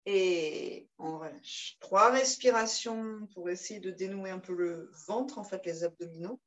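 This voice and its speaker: A woman's voice: medium pitch, moderate pace, poor audio. Woman guiding a yoga class. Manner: calm, guiding cues with rhythmic chanted breath sounds. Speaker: yoga teacher. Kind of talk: guided yoga class instruction.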